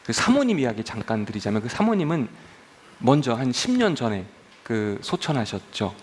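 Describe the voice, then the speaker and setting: A man's voice: medium pitch, very animated, moderate pace. A man preaching a sermon as pastor, conversational and humorous, often asking the congregation questions.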